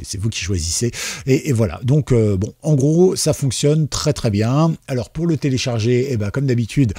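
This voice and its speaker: A man with a mellow, slightly husky voice walks viewers through a software tutorial in a relaxed, chatty way. His speech is full of fillers and asides. The recording is dry and close to the mic. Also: mid-range voice, no room sound. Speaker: tech tutorial host.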